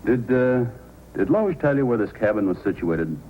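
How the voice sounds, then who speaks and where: An actor playing a steady, inquisitive Mountie sergeant with measured authority in an old-time radio drama. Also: male voice, on the low side, narrow, tinny audio. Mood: calm, probing. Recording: old radio recording, faint noise.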